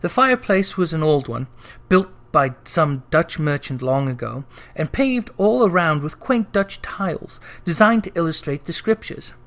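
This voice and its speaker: An audiobook narrator with a medium-pitched voice reads a classic story aloud, performing it expressively and theatrically and drawing out phrases for deliberate emphasis.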